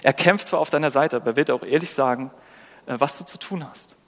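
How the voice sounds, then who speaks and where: A man with a medium-pitched, slightly bright voice talks fast while preaching a sermon in an engaging, conversational way. He often poses rhetorical questions to the listeners and acts out the lines he quotes, all under the long reverb of a hall.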